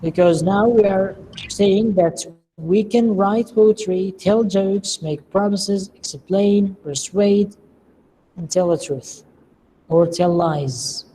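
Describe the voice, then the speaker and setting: Lecturer, mellow tone, slow and deliberate, quizzing a class, large reverberant room, faint background noise. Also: medium pitch. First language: Arabic. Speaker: English lecturer. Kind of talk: classroom lecture with questions to students.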